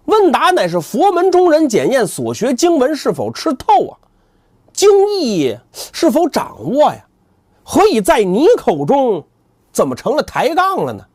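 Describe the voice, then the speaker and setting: A man voicing a courteous, stubbornly pious pilgrim monk in a classical tale, in formal, measured phrasing. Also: very high-pitched, huge pitch swings, a little mellow, dry recording, clean studio sound, pitched above the performer's own voice, exaggerated voice. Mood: earnest reproach.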